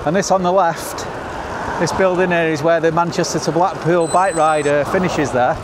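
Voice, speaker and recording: Outdoor noise sits clearly behind a middle-aged northern English man with a fairly high-pitched voice. He chats casually as he rides, upbeat and full of exclamations, like a travel show host out on a bike. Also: steady tone, moderate pace. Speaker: cycling vlogger. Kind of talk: casual ride-along commentary to camera. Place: outdoors on a bicycle. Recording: noisy outdoor recording, wind and traffic.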